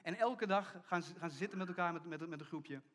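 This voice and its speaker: Middle-aged male pastor, slightly high voice, storytelling sermon with hushed emphasis. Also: quick pace. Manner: storytelling preacher, acts out quoted voices, drops to hushed emphasis.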